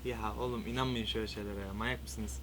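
A man's voice: lowish voice, fairly even intonation, fast, a bit bright. A young man chatting casually with a friend over a video chat, in laid-back, slangy banter.

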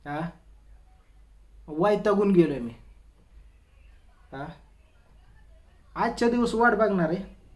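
A comedian talking to camera in a comic vlog, telling stories in an exasperated, grumbling way. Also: male voice, high voice, animated, slow, long pauses, a little mellow.

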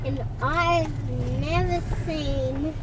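A woman's voice: sits high, fairly even intonation, very slow, far from the mic, heavy background noise. A young girl chatting casually with her family on a road trip, turning whiny when she gets cold. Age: child. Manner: whiny, complaining. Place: inside a car, then windy outdoors.

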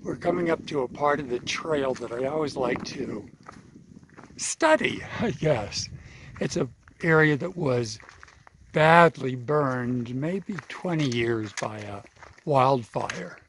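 A man's voice: mid-range voice, takes it slowly, fairly bright tone, a little hiss or hum. A man narrating his hike outdoors, out of breath and thinking aloud as he walks. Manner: thinking aloud while hiking. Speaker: vlogger. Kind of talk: outdoor hiking vlog narration. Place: outdoors on a mountain trail.

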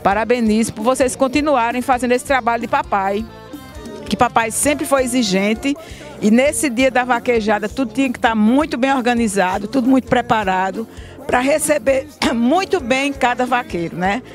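A woman's voice: on the high side, normal speed. A middle-aged woman with a Northeastern Brazilian accent giving an informal thank-you speech outdoors on a handheld mic, often adding tag questions. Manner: frequent tag questions seeking agreement. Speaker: family member of the event organisers giving thanks. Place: outdoors, standing before a group. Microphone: handheld microphone. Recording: outdoor report with faint music bed.

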